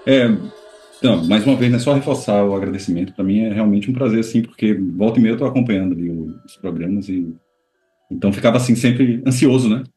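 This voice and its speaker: A man's voice: on the low side, quick pace, warm tone, reverberant, soft background music. A man, a guest composer chatting casually over a video call, rambling with many fillers. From Bahia, Brazil. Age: 30s.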